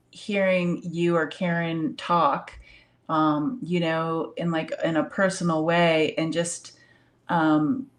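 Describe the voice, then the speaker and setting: A woman with a low voice chatting warmly in a spiritual discussion. She rambles and fills her speech with likes and ums, laughing often. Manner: warm, rambling, many fillers, laughs often.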